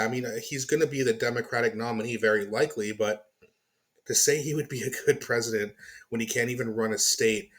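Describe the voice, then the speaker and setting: This man, whose voice sits in the mid range, runs his own commentary channel and reacts to a clip with an exasperated, incredulous rant full of casual swearing. Eventually he calms down and says goodbye to his viewers.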